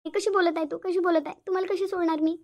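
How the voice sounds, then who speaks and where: Brief: whiny lovesick cartoon teen girl, voiced by a woman, high and quick. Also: fairly even intonation, darkish tone. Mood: defiant. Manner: pleading, repetitive whining. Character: lovesick teenage girl, stubborn and tearful. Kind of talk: cartoon voice acting.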